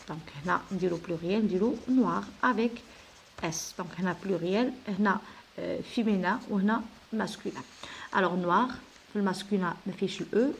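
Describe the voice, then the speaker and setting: A woman teacher with an Algerian Arabic accent, explaining a French exam to pupils, switching between Arabic and French and slowly dictating French sentences. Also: medium pitch, a little mellow, a little hiss or hum. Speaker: primary school teacher.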